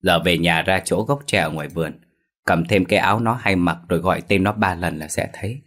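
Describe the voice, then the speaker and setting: Man doing a curt ancient old woman, knowing, low husky tone. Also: brisk, a bit bright. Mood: stern. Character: near-hundred-year-old village woman, stern and knowing.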